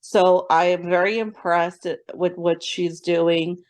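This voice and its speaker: A middle-aged woman from Guyana, a business owner, giving an earnest, halting talk full of fillers and restarts. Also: fairly low pitch, steady tone, darkish tone. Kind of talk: speech.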